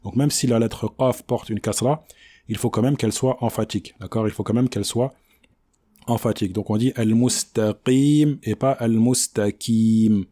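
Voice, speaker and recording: A man giving a tajwid lesson, patiently explaining pronunciation, checking in with "d'accord?" and slowly modeling each word in a drawn-out recitation. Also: fairly low pitch, steady tone, dark tone, breathy edge. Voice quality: chants the verse in a slow drawn-out recitation. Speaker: Quran recitation teacher.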